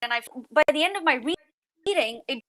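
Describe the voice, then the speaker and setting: A woman, a guest writer, answering interview questions over a remote call line whose audio keeps cutting in and out and jumping in volume. She speaks haltingly, with many fillers and restarts. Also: high-pitched, expressive, fairly bright tone, no echo. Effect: call audio cutting in and out, volume rising and dropping.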